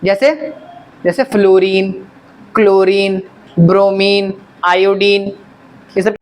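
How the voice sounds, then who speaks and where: A man's voice: sits high, level tone, slow pace. Man teaching chemistry to a class. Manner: quizzing students, answering own questions. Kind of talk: classroom lecture.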